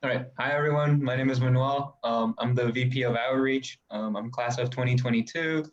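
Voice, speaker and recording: A man's voice: medium pitch, fairly even intonation, brisk. Easygoing venezuelan guy, muffled lo-fi call sound. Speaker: student officer. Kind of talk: casual self-introduction. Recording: dull lo-fi call audio.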